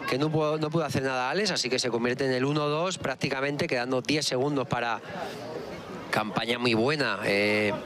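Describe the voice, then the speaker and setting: A man with an accent from Spain giving live football analysis as a co-commentator, halting and repeating words. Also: mid-range voice. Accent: Spanish, from Spain. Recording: loud crowd and outdoor noise behind.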